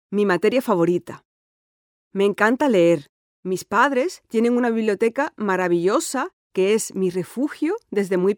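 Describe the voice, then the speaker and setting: Lightly acted, a woman's medium-pitched voice portrays an eager, chatty, confident schoolgirl of sixteen, cheerful and sporty, being interviewed in a scripted listening-test dialogue. The studio sound is clean, with no room sound.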